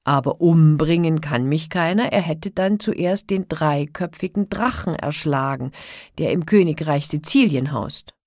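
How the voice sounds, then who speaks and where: A woman voicing a loud, gruff, possessive male giant in a spoken fairy tale. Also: low-pitched, measured pace, no echo, clean studio sound. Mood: boastful.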